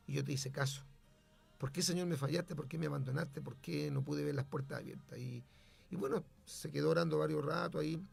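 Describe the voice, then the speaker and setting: A man's voice: fairly high pitch, gravelly, a little mellow. A man, a pastor and radio host, telling a testimony in an emphatic, preacherly way. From Chile.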